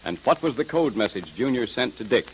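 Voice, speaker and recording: In emphatic, polished 1930s radio style, an American man delivers a scripted sales pitch, selling as he goes. His medium-pitched voice is very animated and a little fast. The audio is poor, a hissy 1930s recording.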